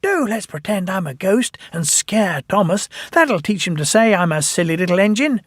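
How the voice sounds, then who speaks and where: A man voicing a cheeky, prankish small male tank engine in a storybook reading, pitched well above his own voice. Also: big pitch swings, moderate pace, no echo, clean studio sound. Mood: gleeful. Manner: high spooky wail when playing ghost.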